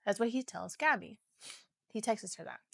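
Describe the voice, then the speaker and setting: A woman's voice: mid-range voice, lively intonation, moderate pace, creaky, a bit bright, no room sound. Chatty woman podcast host, dry sound. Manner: chatty, loose retelling with many "so" and "you know". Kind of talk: casual true-crime storytelling.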